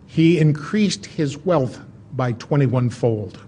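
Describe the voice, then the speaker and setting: A man giving an informal history lecture as a storyteller, in a folksy, conversational way with dramatic pauses. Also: medium pitch, expressive, dark tone, slight background noise.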